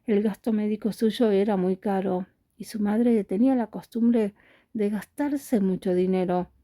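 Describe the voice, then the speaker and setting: A woman calmly narrating a romance novel aloud in a steady audiobook reading. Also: mid-range voice, no room sound. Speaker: storyteller.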